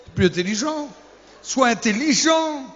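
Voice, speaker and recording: This man's voice sits very high and a little bright, with lively intonation at a moderate pace. He's a youth pastor addressing young people in a church hall, joking and teasing while hammering home key words and tossing out rhetorical questions. Sound is echoey, dull and lo-fi.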